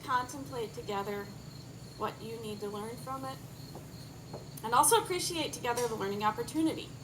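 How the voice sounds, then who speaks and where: A woman officiant giving a wedding speech with deliberate, emphatic phrasing and light humour. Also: fairly high pitch. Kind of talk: wedding ceremony speech with advice. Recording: clear insect and outdoor background noise.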